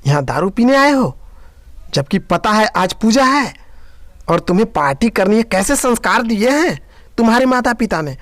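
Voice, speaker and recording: A man voicing a stern, sharp-tongued elderly mother-in-law who scolds with shrill, shouted threats. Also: unhurried, no echo. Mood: furious.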